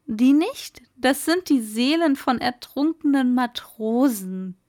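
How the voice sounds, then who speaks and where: A woman voicing a sly, jovial old male merman in a storybook reading, with high, loud, lively exclamations. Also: takes it slowly.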